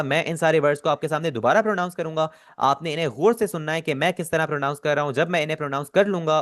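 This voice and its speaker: A man teaching an online Japanese class, explaining patiently and repeating words slowly. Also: fairly high pitch.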